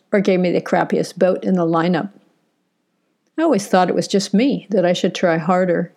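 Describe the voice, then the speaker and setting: Low-voiced woman telling a wry story. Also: mellow. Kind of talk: first-person spoken-word storytelling.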